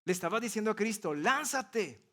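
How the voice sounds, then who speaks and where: A man's voice: high-pitched, animated, moderate pace, a bit bright. A man, preaching a sermon in a conversational way and explaining step by step with everyday examples. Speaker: pastor.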